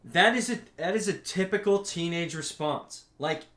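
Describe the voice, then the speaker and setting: A man's voice: on the high side, a bit bright. A man co-hosting a casual podcast, rambling with many restarts and some swearing, sometimes acting out characters' lines. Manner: acts out characters' lines in quick asides. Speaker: podcast co-host. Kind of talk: casual podcast chat about anime. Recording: roomy echo.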